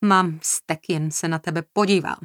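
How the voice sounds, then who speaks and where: A woman's voice: lowish voice, fairly even intonation, fairly bright tone, no echo, studio quality, lightly acted. A woman voicing a bitter, hostile woman who raises her voice in anger, in an audiobook reading. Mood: angry.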